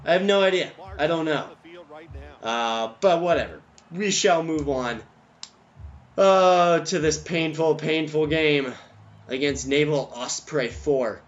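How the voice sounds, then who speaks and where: A man's voice: a little high, slow pace, lo-fi sound. A man giving casual, rambling commentary over a video game, full of ums and side tangents, recorded at home. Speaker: gameplay commentator. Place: at home, neighbor's music nearby.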